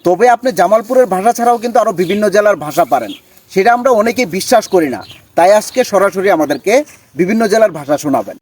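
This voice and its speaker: Fast-talking formal male interviewer. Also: sits high, animated, darkish tone. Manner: formal, praising, standard Bengali. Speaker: interviewer, journalist. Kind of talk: interview, presenter.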